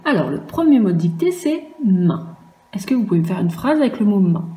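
A woman teaching a virtual class to young children, patiently spelling words out letter by letter in a slow, clearly articulated lesson. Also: medium pitch, very animated, dark tone. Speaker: primary school teacher. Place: room at home for a virtual class. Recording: echoey room with faint background noise.

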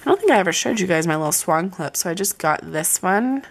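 This planner vlogger talks fast in a lowish, creaky, expressive voice. The young woman chats and gushes about her planner supplies in a casual show-and-tell vlog, throwing in "y'all."

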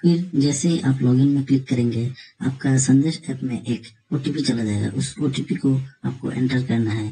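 Dark-voiced man explaining step by step. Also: medium pitch, normal speed, husky, low-quality recording. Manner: steady step-by-step explaining, addresses viewers as friends. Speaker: tutorial presenter. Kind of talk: screen-recorded tutorial narration.

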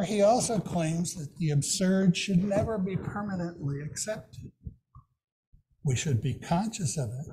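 A man in his sixties, a minister, giving a sermon in a small church room, reading in a slow, measured way from his notes. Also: high-pitched, mellow, a little hiss or hum, poor audio.

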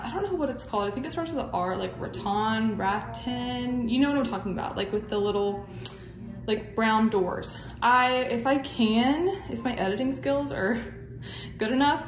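A young woman talks into her phone while she walks through her house. Her voice sits a little high, and she rambles, trails off and starts her sentences over. A faint hum of room noise runs underneath. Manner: chatty, rambling, self-deprecating, trails off and restarts. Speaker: lifestyle vlogger. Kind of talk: casual home-tour chat. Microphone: phone camera on a handheld stick.

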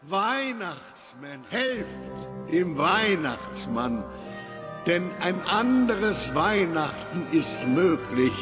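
Santa Claus for radio play: pompous orator, very slow, swooping pitch, reverberant hall. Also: male voice, sing-song, music in the background, full character voice. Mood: solemn, grandiose. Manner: declamatory, pompous, drawn-out pauses. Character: grandiose Santa Claus rallying his recruit boys. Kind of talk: theatrical audio drama speech.

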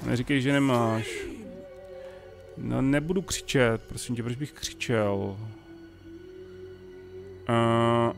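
A man's voice: medium pitch, fairly even intonation, creaky, long pauses, faint music behind. A Czech man casually commenting on a strategy game, thinking aloud and talking to the characters on screen. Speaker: gaming let's-player.

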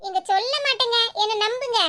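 A woman doing a squeaky, cheeky young wife. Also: fairly quick. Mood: playful. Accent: Kanyakumari Tamil. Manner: loud, cheeky, playful.

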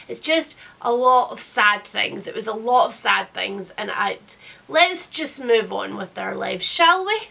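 A woman's voice: a little high, sharp tone. A woman in her thirties, sounding sick with a cold, chats casually about books in a chatty, self-deprecating way. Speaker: book vlogger. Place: indoors, small book-lined room.

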